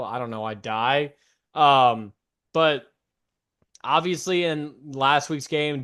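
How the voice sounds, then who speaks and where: A man's voice: mid-range voice, smooth. A young man co-hosting a sports podcast, talking casually and animatedly about football. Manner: animated, mocks fans in loud shouted bursts. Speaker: podcast co-host.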